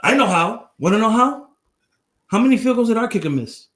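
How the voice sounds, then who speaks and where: A man's voice: sits high, animated, brisk, a bit bright. A man with a Brooklyn accent co-hosting a casual fantasy football chat, blunt, sarcastic and profane. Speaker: podcast co-host.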